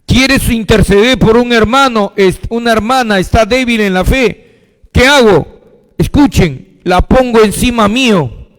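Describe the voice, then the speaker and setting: A man's voice: very high voice, a little slow, a bit bright, long reverb tail, rough recording. A man preaching a sermon as a pastor, posing questions to his congregation and answering them himself. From Peru.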